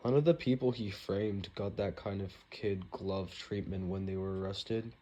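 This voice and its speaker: Young male amateur audiobook reader, low pitch, plain delivery with the odd stumble. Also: moderate pace, dark tone. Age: young adult. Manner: plain reading, with occasional stumbles and restarts.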